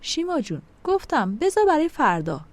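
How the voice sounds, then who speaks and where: Woman voicing an earnest young man, gentle former fiancé, audio story, high-pitched, lively delivery. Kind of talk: audio drama reading.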